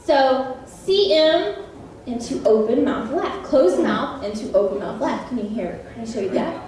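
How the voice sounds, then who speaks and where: A woman voice actress on a convention panel, chatty and animated, laughing often and quizzing the audience. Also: high-pitched, a little slow, a crowd in the background. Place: large convention panel room. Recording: very echoey hall from a distance.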